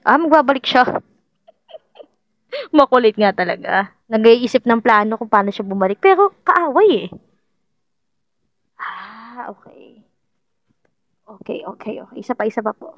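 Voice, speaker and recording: Woman, casual tarot reader, playful, repetitive, higher voice. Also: a bit bright, no echo. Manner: chatty, playful, repeats herself, laughs often. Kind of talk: casual tarot reading to viewers.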